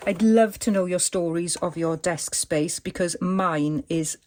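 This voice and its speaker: A woman's voice: lowish voice, unhurried, noisy background. Chatty woman crafting at her desk. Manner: chatty, rambling, thinks aloud with many fillers. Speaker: junk journal crafter. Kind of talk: casual crafting chat.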